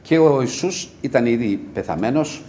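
A man preaching a sermon with passion, rising to loud cries and dropping to low murmurs. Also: lively intonation, slight background noise.

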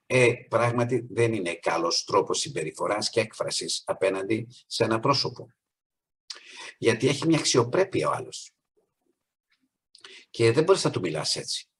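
A man's voice: lowish voice, animated, long pauses, fairly bright tone, husky. A man preaching a sermon, earnest, rising on key points and acting out the people in his stories.

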